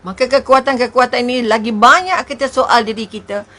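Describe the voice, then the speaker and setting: A woman's voice: on the high side, brisk, pushed and bright. A woman with a Malaysian Malay accent giving an emotive religious talk, full of rhetorical questions and exclamations. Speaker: religious speaker.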